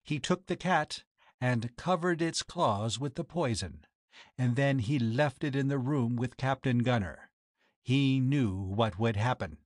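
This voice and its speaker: A man's voice: mid-range voice, measured pace, no room sound, close to an everyday voice. A man reading the lines of a proud, cold woman who keeps a boarding house, speaking formally and accusingly. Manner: formal, accusing, coolly biting.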